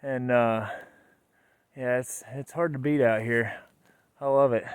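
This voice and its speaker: A man's voice: mid-range voice, fairly even intonation, a little slow, clear, resonant tone, dry recording. A man vlogging on a snowy mountain trail while hiking, a bit out of breath, talking in an easygoing, rambling way full of fillers. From Virginia. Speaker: vlogger hiking with his son. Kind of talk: casual hiking vlog narration.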